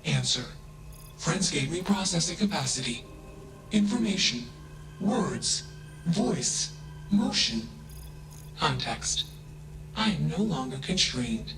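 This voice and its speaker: A man voicing a self-aware machine intelligence in a video game, speaking flatly and without emotion, opening each clipped statement with a one-word tag. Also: a little high, slow, gravelly, long pauses, exaggerated voice. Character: flat emotionless self-aware AI who insists it is a person. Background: game music.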